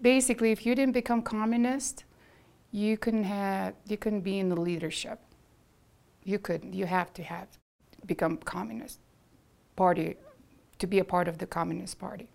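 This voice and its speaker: A woman's voice: medium pitch, fairly even intonation, normal speed, gravelly, pauses often, a little mellow. A woman from Lithuania, giving insistent interview testimony and repeating herself for emphasis.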